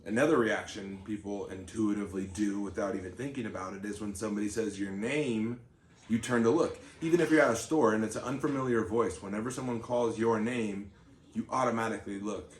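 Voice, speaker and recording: A man co-hosting a casual chat, explaining things in a relaxed, rambling way with many fillers. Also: on the low side, a little fast. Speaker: channel co-host, parent. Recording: roomy with faint background noise.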